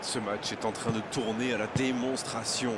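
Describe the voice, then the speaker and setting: A man playing an excitable football match commentator, calling play in short exclamatory bursts of excited sports commentary. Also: medium pitch, normal speed, heavy background noise, close to an everyday voice. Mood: keen, watchful.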